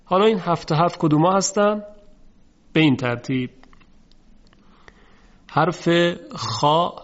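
A man giving a tajweed lesson, explaining letter sounds and demonstrating them with slow, drawn-out pronunciations. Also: a little high, expressive, fairly bright tone. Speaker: Quran recitation teacher. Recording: dull lo-fi recording.

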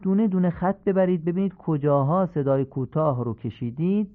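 A middle-aged man teaching correct Quran recitation on a radio lesson, explaining calmly and reciting phrases slowly to demonstrate. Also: a little high. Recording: tinny phone-like old radio recording.

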